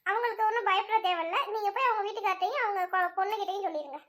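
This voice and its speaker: A woman voicing a calm, reassuring female hospital doctor in a cartoon, explaining patiently. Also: very high voice. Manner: measured, explaining.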